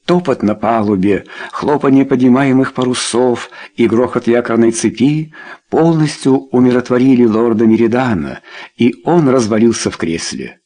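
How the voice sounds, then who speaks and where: A man narrating a novel as an audiobook, reading with lively expression. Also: medium pitch, moderate pace. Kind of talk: scripted narration of a novel, voicing all characters.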